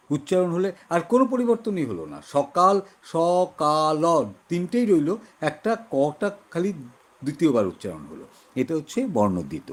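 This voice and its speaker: A man's voice: fairly high pitch, darkish tone, husky. A male teacher giving an exam-prep lesson in a West Bengal Bengali accent, explaining patiently and repeating example words to show how they are said.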